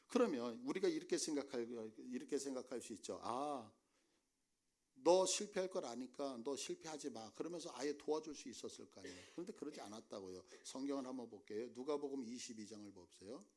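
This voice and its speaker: A male pastor preaching a sermon in a church, often asking the congregation questions. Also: mid-range voice. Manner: animated, asks the congregation questions.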